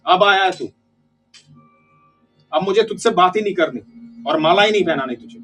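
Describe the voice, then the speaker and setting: A man's voice: high voice, animated, moderate pace. Cranky old devotee, voiced by a male storyteller. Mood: grumpy. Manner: grumbling, irritated. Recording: distant voice over loud flute music.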